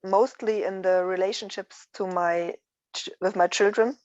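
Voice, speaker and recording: A woman from Switzerland, sharing her personal experience in a group, hesitant and thoughtful with many pauses. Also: mid-range voice, fairly even intonation, darkish tone, dry recording, highs cut off. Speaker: workshop participant.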